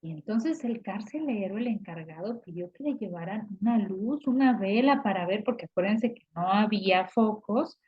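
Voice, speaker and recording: A woman with a Mexican accent, a Sunday school teacher telling a Bible story to young children, expressive and asking them questions. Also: mid-range voice, moderate pace, few pauses, husky, highs cut off.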